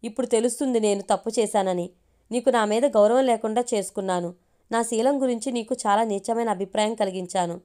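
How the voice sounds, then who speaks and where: A proud young woman speaks in wounded reproach in an audio story, read by a woman narrator. She sounds hurt and firm, with a fairly high pitch. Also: a little fast, mellow, natural voice.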